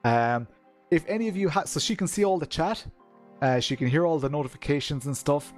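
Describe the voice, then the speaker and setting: A man's voice: fairly high pitch, fairly quick, soft background music. A man with a west of Ireland Kerry accent hosts a live stream, chatting casually and reading out comments from viewers. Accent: Irish, County Kerry in the west of Ireland.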